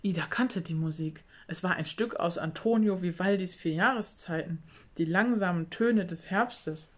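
A woman calmly reading a children's book aloud. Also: on the low side, moderate pace.

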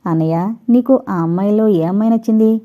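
A woman's voice: mid-range voice, brisk, phone-quality sound, natural voice. Teasing young man, as a woman reads him. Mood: boastful. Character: playful scheming young man, a son.

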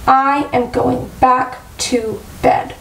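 A woman reading aloud and voicing a sleepy, grumpy male toad in a children's storybook, in a drowsy, reluctant, low-key way. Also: fairly even intonation, drawn-out words, noisy background, full character voice. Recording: roomy echo, distant mic.

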